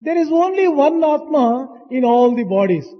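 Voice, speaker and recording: An interpreter translating a spiritual discourse in a large hall, speaking haltingly with hesitations. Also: high voice, big pitch swings. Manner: slow, halting delivery with hesitations. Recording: dull archival recording with long hall reverb.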